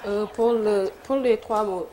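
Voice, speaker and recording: Flat-voiced woman contestant. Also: medium pitch, unhurried, slight background noise. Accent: Senegalese French. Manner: flat, hesitant answers. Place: TV studio.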